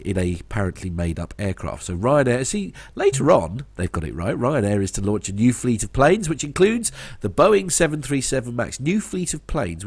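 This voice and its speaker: A man's voice: fairly low pitch, a little mellow, husky, no room sound. A man with a British accent co-hosting a podcast, talking through news stories in a casual, wry, self-interrupting way. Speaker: podcast co-host. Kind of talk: casual news chat and commentary.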